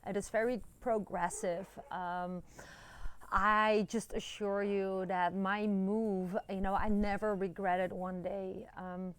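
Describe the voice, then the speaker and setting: A Dutch-accented woman in her forties from the Netherlands talks slowly to a phone camera held at arm's length, her mid-range voice flat in delivery but clean in tone. Standing in a rural yard, this vlogger chats encouragingly and casually, using many fillers.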